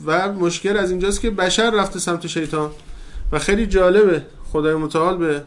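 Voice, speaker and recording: Guy giving a religious q&a talk, kinda high voice, gets loud and worked up when he preaches. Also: fairly even intonation. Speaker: religious teacher. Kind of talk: question-and-answer religious talk.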